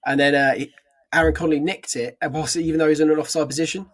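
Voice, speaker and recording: A young man co-hosting a casual football podcast, an animated, excitable storyteller. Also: on the high side, racing, a crowd in the background. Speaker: podcast co-host. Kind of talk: casual chat.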